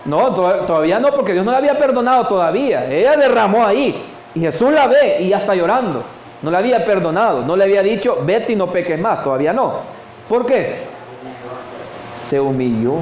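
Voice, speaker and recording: A high-voiced man preaches earnestly, calling out to his brethren and answering his own questions. The sound is roomy and a little dull, with faint hiss beneath. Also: darkish tone. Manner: earnest, repeats "mis hermanos", asks and answers questions. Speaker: pastor. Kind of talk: sermon. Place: church service, morning.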